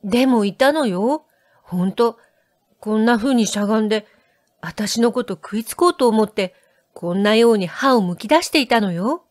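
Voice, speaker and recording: A woman's voice: a little high, dry recording, studio quality, natural voice. A woman voicing a chattering young woman. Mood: eager. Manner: quick, animated.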